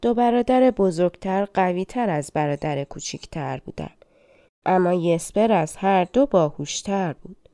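A woman narrating an audiobook of fairy tales in a gentle, colloquial telling style. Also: lowish voice, lively intonation, dry recording, studio quality. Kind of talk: storytelling narration.

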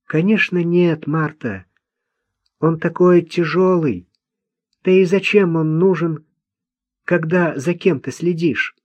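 A man's voice: a little high, slow, long pauses, a little mellow, dry recording, lo-fi sound, voice pushed up. A docile, simple-minded man answers mildly in a noticeably raised voice, as a male reader performs him. The sound is dry and close. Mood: naive.

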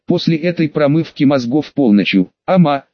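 Shy teenage boy, stammering, embarrassed, voiced by a man, slightly high, muffled. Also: lively intonation, normal speed, no echo, lightly acted. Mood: flustered. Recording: dull muffled dry recording.

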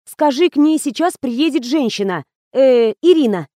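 Stern woman investigator, read by a woman, curt and commanding, raised pitch, audiobook. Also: animated, moderate pace, warm tone, dry recording, studio quality.

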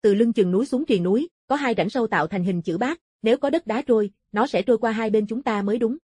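A woman voicing a calm, knowledgeable older male master in a storybook reading, explaining things in a measured way. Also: fairly high pitch, breathy edge, no room sound, studio quality.

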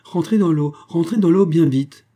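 A frightened young baroness pleads and commands in a high, insistent voice, as a man reads her lines. The tone underneath stays dark and husky, like an audiobook reading of a period story. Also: expressive, moderate pace. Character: frightened young noblewoman, baroness, bossy in panic.

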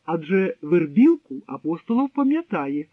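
A man's voice: high-pitched, sing-song, normal speed, no echo. A man reading an audiobook, voicing a sly, calculating male collaborator who speaks politely and coaxingly. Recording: dry, tinny narrow-band sound.

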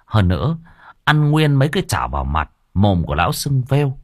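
A man narrating a story audiobook in a lively, expressive reading. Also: mid-range voice, fairly quick, no echo, clean studio sound.

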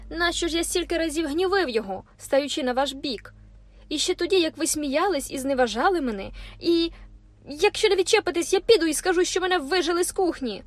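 A woman reading an audiobook and voicing a sullen, rough young man who snarls and curses rudely. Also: sits high, lively intonation, fairly quick, no echo. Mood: indignant. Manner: rude and gruff, shouting curses. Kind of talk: audiobook character voice. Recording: faint music behind the reading.

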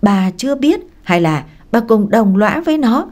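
A woman voicing a hot-tempered old village man who yells and scolds. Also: fairly high pitch, very animated, moderate pace, voice pushed up. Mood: furious. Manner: yelling, scolding.

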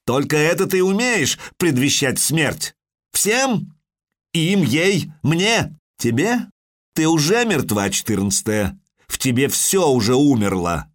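A man's voice: fairly high pitch, sing-song, takes it slowly, dry recording, clean studio sound, pitched above the performer's own voice. A man voicing a cold, hostile spirit with a metallic, mocking voice in an audiobook. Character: cold hostile male spirit speaking through a child.

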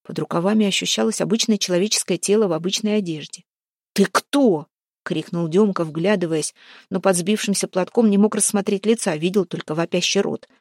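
A woman reading a folk-tale novel aloud as an audiobook narrator, with brisk, suspenseful storytelling. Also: on the low side, no room sound, studio quality. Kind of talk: scripted narration.

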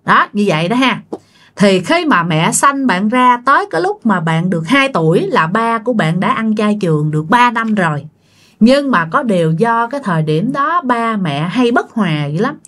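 A woman's voice: medium pitch, very animated, normal speed, fairly bright tone. A woman telling a ghost story in a chatty way, addressing her listeners directly. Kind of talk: spoken ghost-story narration.

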